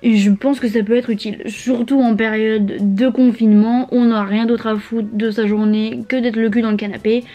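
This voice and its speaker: A woman's voice: a little high, fairly even intonation, normal speed, hardly any pauses, dark tone, lo-fi sound. Slangy young French woman vlogging. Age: young adult. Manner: slangy, swearing, playful asides. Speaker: au pair vlogger. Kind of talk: casual vlog chat. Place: bedroom, sprawled on her bed.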